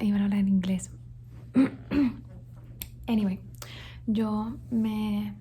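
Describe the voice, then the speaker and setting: A woman from Colombia whispering a casual ASMR ramble, switching between Spanish and English and softly repeating words over and over. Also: medium pitch, breathy edge. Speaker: ASMR creator. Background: faint thunderstorm sounds.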